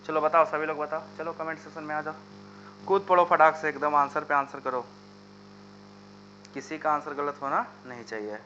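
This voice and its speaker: Bright-voiced man teaching chemistry live. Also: a little high, steady tone, moderate pace, pauses often. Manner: coaxing, urging students to answer in the comments. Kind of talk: live online chemistry lesson. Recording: dull lo-fi sound with faint hum.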